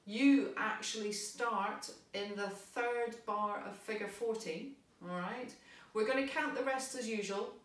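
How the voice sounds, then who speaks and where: A woman's voice: fairly high pitch, a little slow, hardly any pauses. Cheerful woman tutor in echoey hall. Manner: cheerful, encouraging, explains step by step. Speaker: music tutor. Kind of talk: friendly instructional talk. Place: unfamiliar large venue. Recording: echoey venue, voice from a distance.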